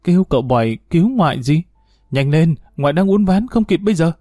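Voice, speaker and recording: Urgent, pleading young woman, voiced by a male narrator, raised pitch, mellow dry storybook read. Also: lively intonation, fairly quick, no echo, close to an everyday voice. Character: young woman, frightened but determined granddaughter.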